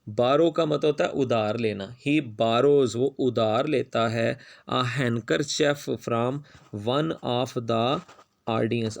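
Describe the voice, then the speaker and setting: Slow, gravelly-voiced male teacher. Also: mid-range voice, a little mellow. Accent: Pakistani Urdu. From Pakistan. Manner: reads English slowly line by line, then translates and explains quickly. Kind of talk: classroom reading and translation lesson.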